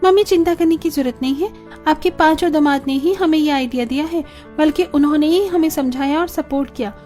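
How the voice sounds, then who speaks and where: Woman doing high-pitched young wives in a cartoon, emotional and earnest, faint music under it. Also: a little fast, mellow, natural voice. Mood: reassuring. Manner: pleading, tearful and heated by turns. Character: five young married daughters, emotional. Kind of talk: animated story dialogue.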